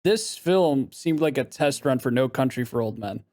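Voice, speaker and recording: A man's voice: mid-range voice, animated, moderate pace, darkish tone, no echo, clean studio sound. Man musing casually on a film podcast. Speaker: podcast co-host.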